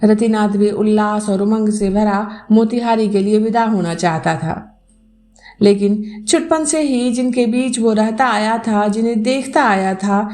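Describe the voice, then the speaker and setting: Slow, measured Hindi woman narrator. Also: medium pitch, darkish tone, faint music behind. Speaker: audiobook narrator. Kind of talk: scripted narration.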